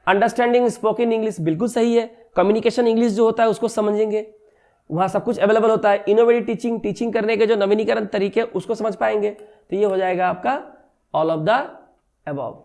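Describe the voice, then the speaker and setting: High-voiced teacher explaining exam questions. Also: male voice, steady tone, a little mellow. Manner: reads English questions slowly, then explains in Hindi. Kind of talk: exam-prep MCQ lesson.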